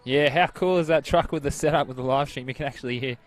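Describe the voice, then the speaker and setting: An Australian man with a nasal voice gives colour commentary on a junior match from an outdoor ground. His pitch is middle-range and his talk is easygoing. He chats loosely alongside the main caller. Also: fast, faint music behind. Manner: relaxed, chatty, laughs easily. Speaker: color commentator. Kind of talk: live sports commentary.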